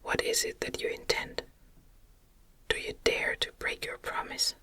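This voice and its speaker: A narrator gives voice to a wretched, vengeful male monster from a gothic tale, using a smothered, breathy ASMR whisper. The speech is menacing, grandiose and archaic, at a measured pace with a sharp tone. The mood is bitter and aggrieved.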